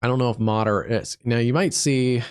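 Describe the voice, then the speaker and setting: A man hosting a live severe weather stream as a meteorologist, stuffed up from allergies, talking through the radar in an easygoing, halting way with many fillers. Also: mid-range voice, fairly even intonation, clear, resonant tone, dry recording, studio quality. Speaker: digital meteorologist, livestream host.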